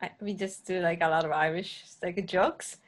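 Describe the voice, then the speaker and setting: A woman's voice: fairly low pitch, fairly even intonation, moderate pace. Chatty woman guest. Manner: chatty, many fillers, playful laughs. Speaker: podcast guest. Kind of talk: casual interview chat.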